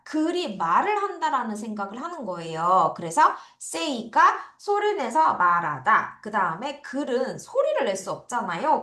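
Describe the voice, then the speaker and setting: A woman's voice: on the high side, sharp tone. A woman teaching an online English lesson, coaxing students to repeat words after her. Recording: echoey room.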